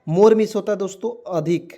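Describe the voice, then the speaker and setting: A man's voice: sits high, a little fast, warm tone. A man teaching a spoken lesson, spelling words letter by letter and asking viewers questions again and again. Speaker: English teacher.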